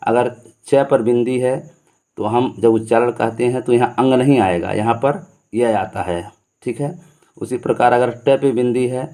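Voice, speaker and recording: Mellow-voiced male teacher explaining patiently. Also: medium pitch. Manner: repeats points, asks and answers his own questions. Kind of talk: explaining Hindi grammar to students.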